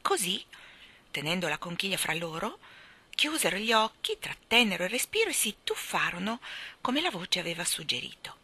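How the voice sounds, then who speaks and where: A woman reading a children's storybook aloud in an expressive, storytelling manner. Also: medium pitch, normal speed, husky. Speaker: reader. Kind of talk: children's audiobook narration.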